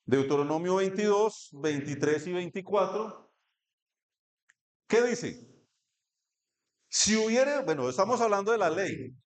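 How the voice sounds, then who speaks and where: Colombian guy preaching, kinda high voice, keeps asking the crowd sí o no, echoey church room. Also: animated, unhurried, long pauses. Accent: Colombian Spanish. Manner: asks the congregation questions, reads scripture aloud. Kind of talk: sermon. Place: church hall.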